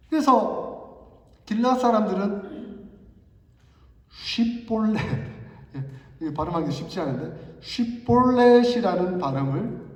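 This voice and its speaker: A man preaching a sermon as pastor to his congregation, telling the story playfully and trying out dialect examples on his listeners. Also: sits high. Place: church sanctuary. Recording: echoey hall, voice from far off. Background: long hall reverb.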